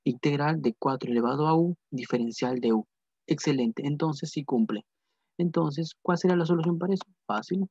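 A man's voice: a little high, moderate pace, darkish tone, slightly rough, no room sound. Repetitive man tutoring math. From Peru. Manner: repetitive, asks and answers his own questions. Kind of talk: whiteboard math lesson. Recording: dull lo-fi dry sound.

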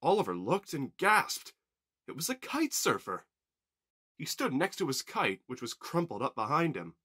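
Lively man reading a storybook. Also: a little high, moderate pace, husky. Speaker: narrator. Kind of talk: storybook narration.

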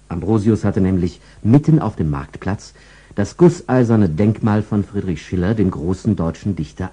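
A man narrating a children's story in a lively, expressive way. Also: fairly low pitch, slightly rough.

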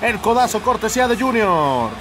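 A man with a Mexican accent giving excitable, exclamatory live play-by-play commentary on wrestling. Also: sits high, moderate pace, background noise.

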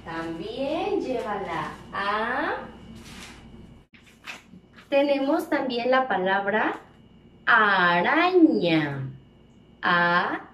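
A woman's voice: a little high, sing-song, extremely slow, pauses often, fairly bright tone. A woman teaching preschoolers, stretching out each word and asking sing-song questions. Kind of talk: slow, exaggerated teaching to small children. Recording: echoey room, voice from a distance, faint background noise.

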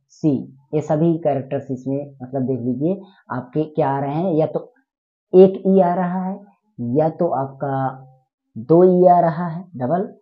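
Male teacher on a tinny line. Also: fairly high pitch. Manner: repetitive, quizzing listeners with questions. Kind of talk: spoken grammar lesson. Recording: tinny phone-like sound.

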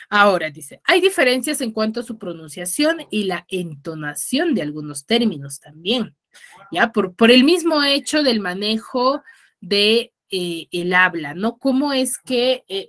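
A woman's voice: medium pitch, sing-song, measured pace, a bit bright. A woman with a Peruvian accent from Huaraz, a secondary school teacher explaining a lesson in an online class and often checking with her students. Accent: Peruvian Spanish, Huaraz. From Peru. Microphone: video call.

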